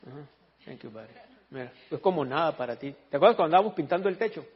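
A pastor with a husky, slightly high voice preaches very fast, telling lively stories and joking with the congregation between points. He reads scripture in English and Spanish. The audio is dull and lo-fi, carrying a long hall reverb.

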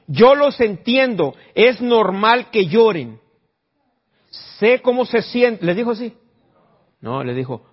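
A man preaching a sermon in a conversational way, often quizzing the congregation. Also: sits high. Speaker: pastor. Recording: dull lo-fi recording.

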